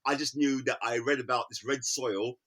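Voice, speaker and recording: A middle-aged British artist with a London accent, appearing as a guest in casual conversation, tells animated stories and acts out the people he quotes with laughter. He speaks at medium pitch and a moderate pace.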